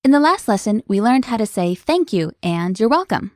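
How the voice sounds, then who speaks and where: A woman's voice: a little high, sing-song, normal speed, a little mellow, no room sound, clean studio sound. A woman hosting a language lesson podcast, explaining words in an upbeat, scripted way.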